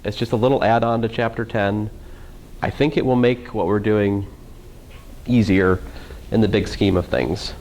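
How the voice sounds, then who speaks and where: Dry, sarcastic male math lecturer, gravelly. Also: on the low side, fairly even intonation, normal speed, long pauses, a little mellow, low-quality recording. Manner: casual, dry sarcastic humor, talks through steps with questions to students. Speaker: math professor. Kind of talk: classroom lecture. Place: lecture classroom.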